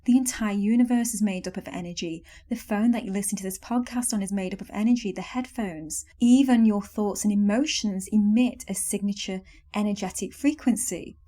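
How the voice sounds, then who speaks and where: Young female podcast host, warm dark timbre, earnest coaching delivery. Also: medium pitch, brisk, few pauses. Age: young adult. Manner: earnest, coaching tone with soft self-help phrasing. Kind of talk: scripted solo podcast talk.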